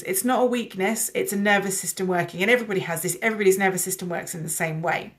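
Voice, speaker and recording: A woman's voice: mid-range voice, fairly bright tone. A woman hosting her own channel, talking to camera in a casual, earnest way as a coach and sharing personal stories. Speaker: somatic coach and channel host.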